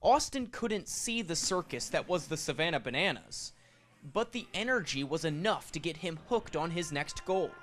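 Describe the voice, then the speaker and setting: A male sports reporter giving scripted news narration with a lively storytelling delivery. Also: a little high, moderate pace.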